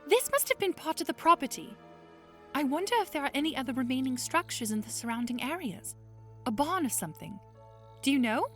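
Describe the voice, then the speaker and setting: Curious young Princess Zelda. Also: female voice, sits high, animated, a little fast. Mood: awed. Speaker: voice actor. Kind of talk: audio drama acting. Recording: soft music behind.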